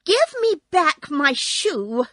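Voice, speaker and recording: A woman voicing a proud, indignant small girl in a high voice. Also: big pitch swings, takes it slowly, fairly bright tone, no echo, studio quality, exaggerated voice.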